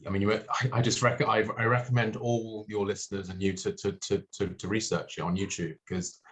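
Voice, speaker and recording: Deep-voiced halting man from Hong Kong. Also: little pitch movement. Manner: halting, many restarts and fillers. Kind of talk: casual podcast discussion.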